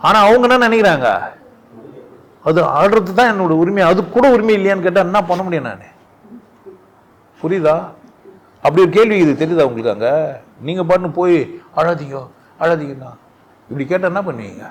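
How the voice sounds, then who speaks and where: A man giving an informal spiritual talk at a satsang, animated and full of rhetorical questions, often laughing as he speaks. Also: high-pitched, fairly quick, pauses often. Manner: laughs often while talking.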